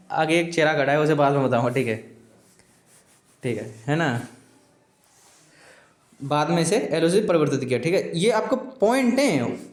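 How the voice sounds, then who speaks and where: A man's voice: fairly high pitch, reverberant. A male teacher giving an informal exam coaching lesson, repeating points and constantly checking in with "okay friends". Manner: repetitive, keeps saying "okay friends"; pleading with viewers, informal.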